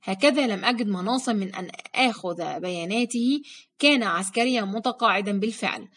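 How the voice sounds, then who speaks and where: A woman reading a first-person story aloud in a steady, even-paced manner. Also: mid-range voice, a little fast. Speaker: narrator. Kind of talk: audiobook story narration.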